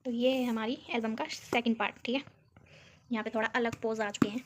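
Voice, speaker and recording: Young woman from uttarakhand, chatty and giggly, kinda high voice but stays pretty level, phone mic. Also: fairly even intonation, fairly quick, noisy background. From Uttarakhand, India. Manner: chatty, giggly, addresses viewers directly. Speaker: vlogger. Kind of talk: casual chat showing a photo album. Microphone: phone camera.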